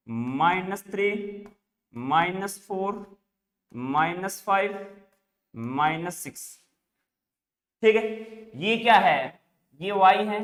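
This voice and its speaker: A man's voice: sits high, fairly bright tone. Echoey male teacher drilling a lesson. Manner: repetitive call-and-response questioning. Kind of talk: classroom math lesson. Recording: echoey room.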